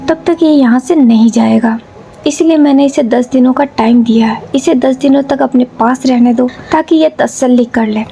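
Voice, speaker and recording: A woman voicing a strict middle-aged father who speaks firmly and calmly. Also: sits high, vocal fry, slight background noise. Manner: firm, measured.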